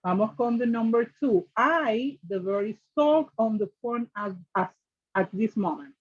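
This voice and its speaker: Husky-voiced woman teaching a class. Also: fairly high pitch, animated, takes it slowly, muffled recording. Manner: explains step by step, repeats rules, asks the class questions. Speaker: English teacher. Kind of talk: classroom grammar lesson.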